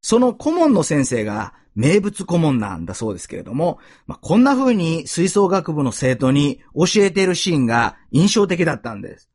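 A man preaching a sermon in an earnest voice that slows down for emphasis. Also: on the high side, huge pitch swings, a little mellow, breathy edge. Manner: earnest, slow emphatic delivery. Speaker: pastor.

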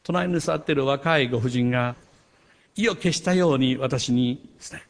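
A man preaching a sermon as a pastor, earnest, swelling louder on key points and dropping softer when telling a personal story. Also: medium pitch, normal speed.

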